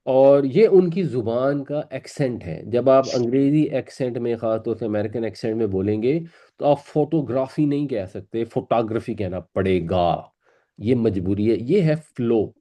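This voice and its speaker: A man gives a classroom lesson, explaining each point patiently and repeating words for his students. His mid-pitched voice is mellow and warm. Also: expressive. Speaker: Quran teacher.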